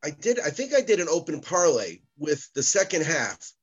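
Man on a video call, high voice, lo-fi muffled sound, easygoing chat. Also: big pitch swings, normal speed, slightly rough. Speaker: sports betting guest. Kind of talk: casual chat.

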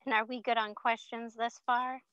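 A woman's voice: on the high side, little pitch movement, normal speed, sharp tone, highs cut off. A woman co-hosting a craft class, chatting in a bubbly, giggly way. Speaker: co-host. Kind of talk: casual chat.

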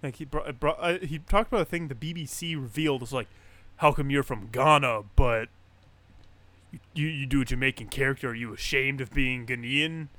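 Podcast cohost guy, mid pitch, laid back, lots of likes and uhs. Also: brisk. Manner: relaxed, filler-heavy retelling, laughs often. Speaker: podcast co-host. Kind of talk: casual chat.

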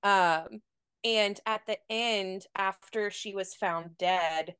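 Speaking slowly in a mid-range voice, a young adult woman tells stories as a podcast guest in a casual chat, peppered with "like" and laughs. Her tone is clear, resonant and a bit bright, captured in a clean studio with no room sound.

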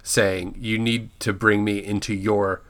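Low-pitched, level and a little slow, with a fairly bright tone, this podcast co-host rambles through a recap of a TV episode. He keeps starting over and fixing the names he gets wrong in the casual chat.

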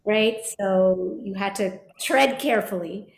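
A woman, a Kathak dancer and teacher, recalls her training in a reflective interview. She acts out her teacher's lines in lively voices. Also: medium pitch, a little slow, gravelly, roomy sound. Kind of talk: storytelling interview.

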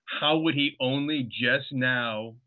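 A man's voice: medium pitch, slow. Amused man on a tinny remote line. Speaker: podcast guest. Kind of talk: casual film discussion.

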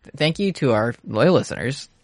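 A woman's voice: rumbling low, lively intonation, normal speed, dry recording. A woman co-hosting a podcast in casual comedic banter, joking and riffing. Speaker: podcast co-host.

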